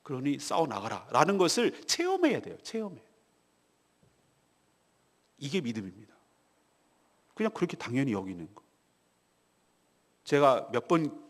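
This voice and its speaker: A man preaching a morning devotional sermon in a church, telling a personal story in a confessional way, dropping to a hush and then rising loud. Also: medium pitch. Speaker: pastor. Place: church sanctuary. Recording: long reverb of a church hall.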